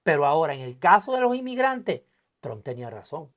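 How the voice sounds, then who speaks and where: His voice is on the high side, brisk, with big pitch swings. As a podcast host chatting about politics with a guest, he speaks emphatically and acts out the quotes in his stories.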